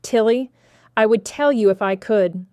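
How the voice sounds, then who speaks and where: Woman narrator voicing a male small-town sheriff, calm, measured, considerate, close dry audiobook mic. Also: a little high, clean tone, no room sound, natural voice.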